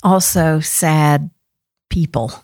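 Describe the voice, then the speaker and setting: A woman talking as a guest in a casual studio conversation, animated and quick to laugh. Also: low voice, no room sound. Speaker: curriculum specialist guest. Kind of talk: casual chat.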